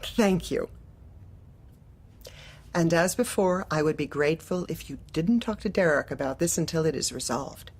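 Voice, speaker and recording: In a dark comedy audio drama, an actress plays a manipulative office manager, speaking with measured, formal, condescending politeness. Her voice is low and slightly rough, and the mood is coolly officious.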